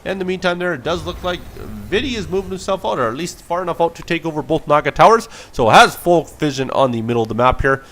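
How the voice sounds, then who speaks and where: A man's voice: a little high, expressive, fast talker, hardly any pauses, a bit bright. A man casting a video game replay with play-by-play commentary, casual and joking. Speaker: game caster.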